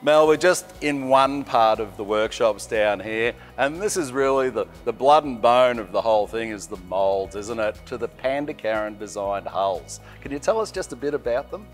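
An Australian man in his sixties hosts a boating show, talking with guests in a boat workshop and out at a marina. His medium-pitched voice is expressive and hearty, moving at a moderate pace with barely any pauses, and he favors upbeat leading questions that end in "isn't it?" It's a friendly on-location interview picked up on a lapel mic, with faint music in the background.

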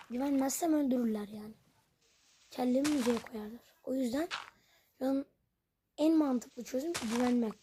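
A woman's voice: sits high, warm tone, slight background noise. A woman commenting on her own game as she plays, puzzled and rambling, and she keeps talking to her viewers. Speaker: gaming channel host. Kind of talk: Minecraft let's play commentary.

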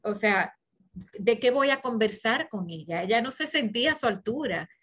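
A woman's voice: fairly high pitch, expressive, moderate pace, a bit bright. A woman in a film discussion group, chatting conversationally and putting questions to the others. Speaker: film forum participant.

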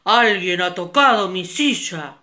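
A woman voicing a big papa bear in a storybook tale, shouting loudly. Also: expressive, slow pace, exaggerated voice. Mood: angry. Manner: loud booming shout.

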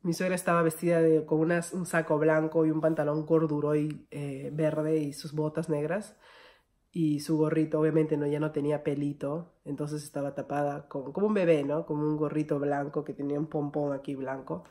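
A woman's voice: sits low, little pitch movement, moderate pace, mellow. Chatty Peruvian woman telling a story. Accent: Peruvian Spanish. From Peru. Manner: chatty, often addresses viewers as friends. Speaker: vlogger. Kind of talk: storytime vlog.

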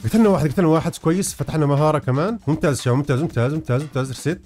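A man giving excited gameplay commentary, hurried and teasing, repeating phrases. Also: on the high side. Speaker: gaming YouTuber.

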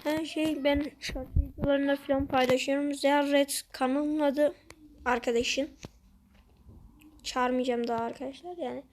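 Excitable high-voiced gaming host. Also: female voice, normal speed, slight background noise. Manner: frustrated, excitable, talks to viewers. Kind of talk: gameplay commentary.

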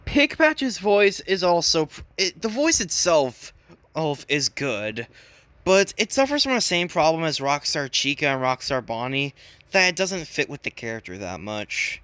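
A man's voice: on the high side, sing-song, measured pace, fairly bright tone, dry recording. A young man giving casual, opinionated commentary, often stumbling and restarting his sentences. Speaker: video commentator.

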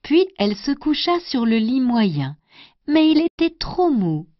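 Slow, lively woman telling a storybook. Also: high voice, no room sound. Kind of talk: scripted storybook narration. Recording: dry, dull lo-fi recording.

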